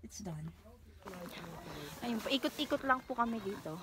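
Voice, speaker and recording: A woman's voice: a little high, expressive, normal speed, heavy background noise. A young woman mixing Tagalog and English in casual chat as she vlogs on a phone held at arm's length at an outdoor winter ice park. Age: young adult. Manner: mixes Tagalog and English, chatty. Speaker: vlogger.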